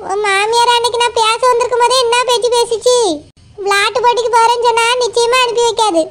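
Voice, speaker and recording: A woman's voice: very high-pitched, flat delivery, quick pace. A woman voicing a doting, crafty village mother in a cartoon, with a Tirunelveli Tamil accent. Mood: plotting. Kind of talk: cartoon voice acting.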